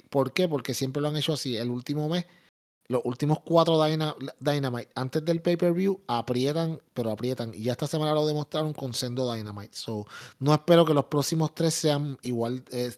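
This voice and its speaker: A man's voice: mid-range voice, normal speed, darkish tone. Male podcast co-host, Puerto Rican accent, mid-range voice, casual sports-fan commentary with slang and English sprinkled in. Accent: Puerto Rican Spanish. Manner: informal, slangy, peppers Spanish with English.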